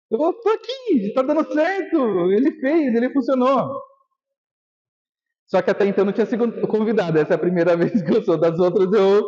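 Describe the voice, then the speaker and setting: Guy with a high voice telling his story on stage, emotional motivational talk, kinda dull lo-fi live recording. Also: a little mellow, in a large hall. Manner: emotional, storytelling, acts out remembered scenes. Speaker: motivational speaker.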